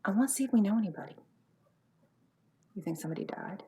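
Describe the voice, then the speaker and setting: A woman voicing a nosy gossiping wife who pesters her husband, dropping to hushed whispers and then bursting out loud. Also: mid-range voice, lively intonation, fast, slight background noise, close to an everyday voice, poor audio. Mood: gossipy.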